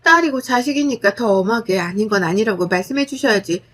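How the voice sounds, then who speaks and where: High-voiced woman telling a dramatic story. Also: animated, a little fast. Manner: blunt, firm, sharp-tongued. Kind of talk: dramatized first-person story narration.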